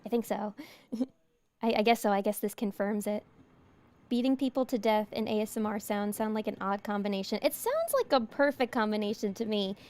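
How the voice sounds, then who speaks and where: A woman's voice: medium pitch, lively intonation, a little fast, darkish tone. A young woman from New York streaming a horror game, chatty and giggly as she talks to her chat. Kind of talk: let's play commentary.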